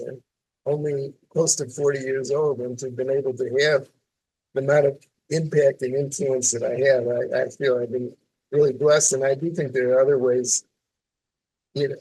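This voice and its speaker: An older man talks as an interview guest, thinking aloud and circling back through restarts. His voice is gravelly and a bit husky, sitting at an average pitch. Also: darkish tone, low-quality recording. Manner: reflective, with many restarts and fillers. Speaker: guest columnist. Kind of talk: casual interview talk.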